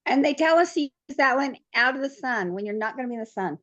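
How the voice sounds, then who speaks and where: A woman's voice: sits high, animated, fast talker, a bit bright, dry recording. A woman chatting and telling stories casually as part of a group. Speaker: group participant. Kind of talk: casual storytelling chat. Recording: dull, lo-fi call audio.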